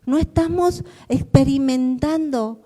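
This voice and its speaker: A woman preaching a sermon to a women's gathering, earnest, slowing down to read scripture verses deliberately. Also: high-pitched, warm tone, in a large hall. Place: church hall.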